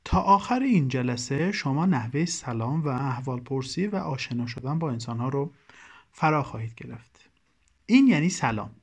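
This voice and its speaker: A language teacher explaining a conversation lesson in calm, measured instructional narration. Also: medium pitch, husky.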